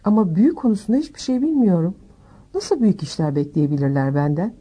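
A woman's voice: on the low side, animated, fast talker, warm tone, slightly rough. A woman voicing a shy, unsure young boy wizard who hesitates and stumbles over his words.

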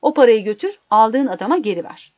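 A woman's voice: fairly high pitch, animated, brisk, no room sound, close to an everyday voice. A woman voicing a suspicious young husband who hurls demanding questions, in a dull lo-fi recording. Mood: stern. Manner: demanding, accusing.

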